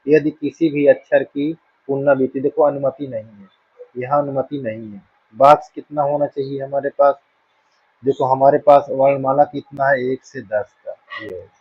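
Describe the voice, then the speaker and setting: A man's voice: medium pitch, steady tone, moderate pace, slightly rough. A man teaching a school maths lesson, patiently working through counting problems and often checking that students follow. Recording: dull dry lo-fi room sound.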